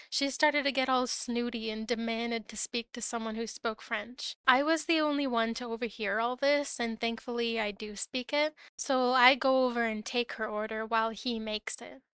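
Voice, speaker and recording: A woman's voice: fairly high pitch, steady tone, normal speed, a bit bright, clear, resonant tone, dry recording. A woman from Ontario with a Canadian accent, telling work stories in a casual, conversational, lightly exasperated way. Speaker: storyteller recounting past food service work. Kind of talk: casual storytime narration.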